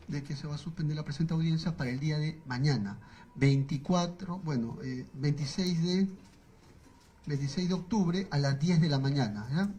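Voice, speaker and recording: A Peruvian judge running a courtroom session, handing out scheduling orders in a measured, procedural way with frequent hesitations. His voice is somewhat high for a man, with a faint hiss in the recording. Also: dark tone. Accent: Peruvian Spanish. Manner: procedural, hesitant with fillers, brisk rulings. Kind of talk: presiding over a court hearing.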